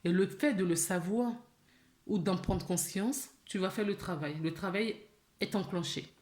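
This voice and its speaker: A woman giving a spiritual guidance reading, speaking straight to the listener with many gentle questions and "d'accord?" check-ins. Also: medium pitch, reverberant. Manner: slow, questioning, addresses listener directly. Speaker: spiritual channeler.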